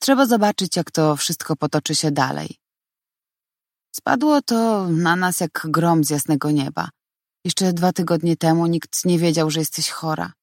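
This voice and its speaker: A woman reading the lines of a cold, detached young man, a lecturer, in a flat, firm and icy way. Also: a little high, a little slow, vocal fry, no echo, clean studio sound. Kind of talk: audiobook character reading.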